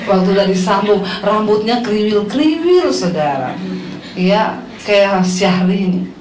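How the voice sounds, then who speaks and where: A middle-aged woman pastor with an Indonesian accent, preaching a lively, humorous sermon full of stories and questions to the congregation. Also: mid-range voice, slow pace, crowd noise. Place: church hall. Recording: echoey hall with faint noise.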